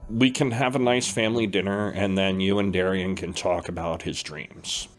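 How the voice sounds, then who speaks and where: A man with a low voice plays a calm, reassuring older brother who acts as a dream instructor, speaking at a moderate pace with light acting. His tone is warm, steady, and comforting, with faint background music.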